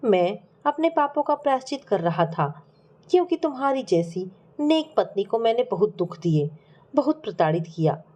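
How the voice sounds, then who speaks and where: Woman narrator doing a dying middle-aged husband, remorseful, quiet halting words, mellow tone. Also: on the high side, big pitch swings.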